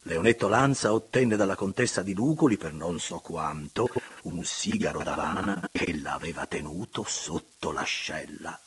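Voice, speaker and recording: A man reading aloud, voicing a witty, playful aristocratic gentleman who gossips. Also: low voice, moderate pace, few pauses, husky, voice pushed down.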